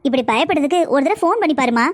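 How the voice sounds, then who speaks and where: A woman's voice: sits high, lively intonation, racing. A woman voicing a caring older mother-in-law in a cartoon, with a southern Tamil accent and a soothing, coaxing way of talking. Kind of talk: cartoon voice acting.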